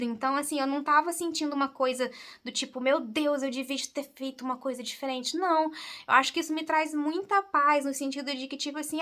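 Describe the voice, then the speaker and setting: A woman's voice: high-pitched, a bit bright. A woman with a Brazilian Portuguese accent hosting a podcast, thinking aloud in a candid, reflective casual monologue. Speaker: podcast host.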